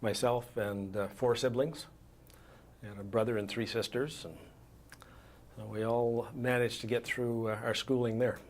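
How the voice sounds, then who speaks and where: An older man from Saskatchewan, a retired school principal, answering interview questions in a calm, measured, matter-of-fact way. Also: mid-range voice, a little hiss or hum.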